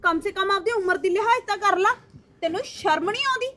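A woman playing a sharp-tongued, proud young wife who talks in a scolding, indignant way. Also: extremely high pitch, fairly quick. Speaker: daughter-in-law.

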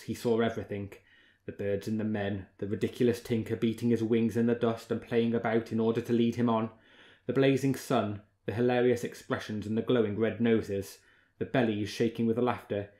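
Expressive male storybook narrator. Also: fairly low pitch. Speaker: audiobook narrator.

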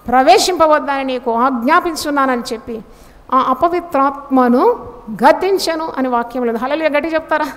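A woman preaching a sermon with emphasis, asking the congregation questions and answering them herself. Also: sits high. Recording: long reverb of a hall.

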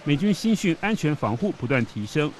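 A male reporter giving steady, explanatory news voice-over narration. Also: a little high, brisk, heavy background noise.

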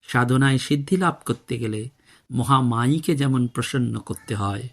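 A man with a Bengali accent giving a slow, measured devotional talk, telling stories and quoting dialogue in a reverent tone. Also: mid-range voice, vocal fry, a bit bright. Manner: slow, measured, devout storytelling with quoted dialogue. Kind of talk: reflective spiritual talk.

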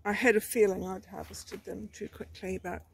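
Woman, gravelly voice, casual garden vlog, chatty, rambling, laughs often. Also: medium pitch, level tone, normal speed. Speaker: gardening vlogger. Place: home garden in hot weather.

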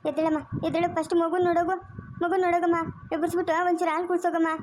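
A woman's voice: very high-pitched, level tone, very fast, a little mellow, a little hiss or hum. A woman with a Chikkaballapur Kannada accent, acting as a rural woman in a family drama, scolding and pleading with emotion.

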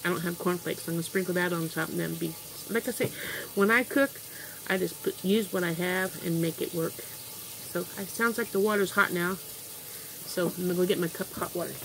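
A creaky, lowish, fairly bright voice with a steady tone and normal pace belongs to an older Kansas woman vlogging from her kitchen. She rambles casually while cooking, sometimes stepping away from the built-in camera mic. Faint hiss, running water and clattering dishes fill the background.

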